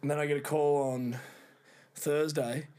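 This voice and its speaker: A man's voice: on the high side, a little slow, smooth. A young Australian man co-hosting a podcast, telling a long story in casual chat, swearing often and packing in fillers. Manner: sweary, animated anecdote-telling with lots of fillers. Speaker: podcast co-host.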